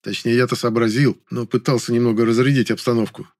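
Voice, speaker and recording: A man's voice: mid-range voice, fairly even intonation, quick pace, darkish tone. A man reading a novel aloud in the first person, with a wry, dry delivery. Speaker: audiobook narrator.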